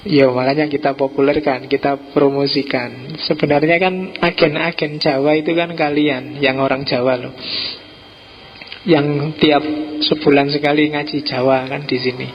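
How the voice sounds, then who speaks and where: A middle-aged man with a Javanese accent giving an informal, relaxed philosophy lecture to a class, teasing his listeners now and then. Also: on the high side, normal speed, highs cut off, a little hiss or hum. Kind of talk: informal lecture to a live audience.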